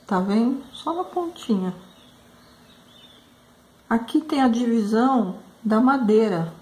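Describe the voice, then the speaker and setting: A woman tells a story while she paints a craft tutorial, in a fairly high voice. She is emotional and full of exclamations, and she keeps turning to her viewers. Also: expressive, slow, a little mellow. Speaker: craft painter and channel host.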